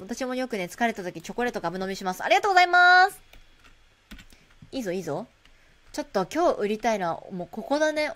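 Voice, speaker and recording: A woman streaming a shop management game, chatting casually to herself and greeting customers in a bright shop-clerk voice. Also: medium pitch. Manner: chatty, playful, talks to herself while playing. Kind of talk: casual gameplay commentary.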